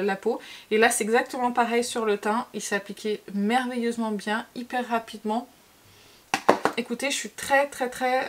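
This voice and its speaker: A woman from France chatting casually through a makeup tutorial, with frequent fillers and repeated words. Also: on the high side. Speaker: beauty vlogger.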